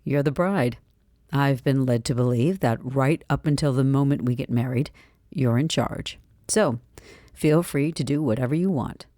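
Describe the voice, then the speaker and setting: A woman narrator plays an easygoing fiancé in a cozy mystery audiobook. He is doting and playfully teasing, with a low, mellow voice and a dry, close sound. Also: moderate pace, no echo. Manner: light-hearted teasing.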